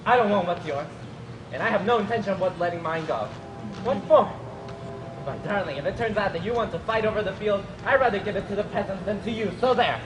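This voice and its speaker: A man's voice: high voice, brisk, natural voice. A young man reading the part of a blustering, patronizing older landowner father in a live outdoor play reading. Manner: blustering, patronizing, bursts into yelling. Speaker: student actor. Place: outdoor courtyard. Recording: echoey outdoor sound with crowd noise.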